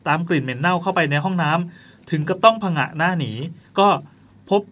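Quick-talking man co-host. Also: on the high side, lively intonation, a bit bright. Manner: quick, playful, reads headlines with exaggerated drama. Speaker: podcast co-host. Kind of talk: casual chat, reading news aloud.

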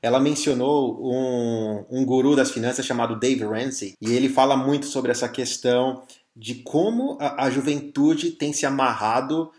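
A man with a Brazilian Portuguese accent and a medium-pitched voice, heard in an echoey room. He speaks casually as the host of an interview podcast. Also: normal speed, few pauses, a little mellow.

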